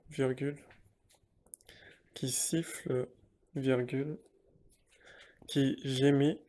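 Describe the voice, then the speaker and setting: Man, dictating teacher, very slow pace, gravelly edge, short repeated phrases, measured delivery. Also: mid-range voice, dark tone. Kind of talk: dictation, reading slowly in short repeated phrases with punctuation spoken.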